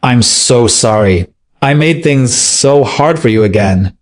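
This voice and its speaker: A man's voice: medium pitch, expressive, slow. A fragile clingy young woman, voiced by a male narrator. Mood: pleading.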